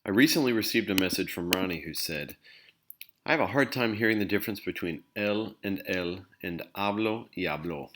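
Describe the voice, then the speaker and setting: Male language teacher, very low voice, patient scripted explainer. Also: fairly quick, fairly bright tone, a little hiss or hum. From English-speaking country. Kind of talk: scripted instructional narration.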